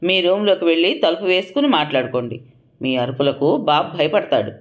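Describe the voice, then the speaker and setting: A woman's voice: low voice, lively intonation, fast talker. A woman voicing a defiant young daughter-in-law who talks bluntly and sarcastically. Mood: defiant, sarcastic.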